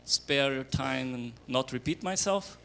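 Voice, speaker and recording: Bright-voiced man introducing a speaker. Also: medium pitch, measured pace, creaky, a little hiss or hum. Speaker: session chair introducing the speaker. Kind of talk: formal introduction.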